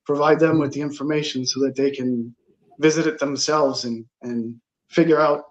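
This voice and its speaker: A man telling his story as an interview guest in a casual, halting, rambling way. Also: medium pitch, fairly even intonation. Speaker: interview guest, travel blogger. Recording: slightly dull, lo-fi sound.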